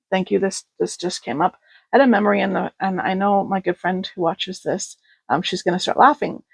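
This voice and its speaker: A woman's voice: mid-range voice, gravelly, no echo. Candid, blunt woman podcast co-host. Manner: blunt, candid, laughs through stories. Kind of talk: candid conversational storytelling.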